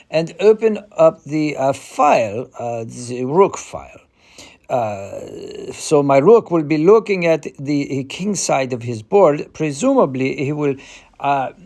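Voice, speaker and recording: A man playing a confident chess player with an Eastern European accent, explaining a game in a deliberate, hesitant way. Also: medium pitch, darkish tone. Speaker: chess player giving a tutorial.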